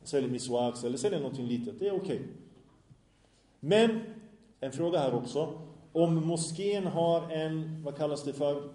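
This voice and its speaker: Speaking in a fairly high yet dark-toned voice, this Islamic teacher gives a religious class in a small room that echoes. He quizzes the students and answers his own questions, recorded on a microphone in the room.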